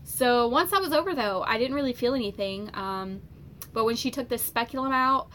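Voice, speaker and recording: A young woman vlogger telling a personal story in a casual, chatty way, full of fillers and animated retellings. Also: on the high side, moderate pace, slight background noise.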